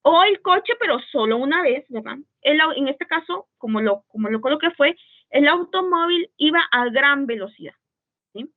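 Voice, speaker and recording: A woman's voice: high voice, expressive, normal speed. Patient woman teacher over a tinny call. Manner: patient, checks understanding with frequent "¿sí?". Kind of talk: online writing class. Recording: tinny phone-like call audio.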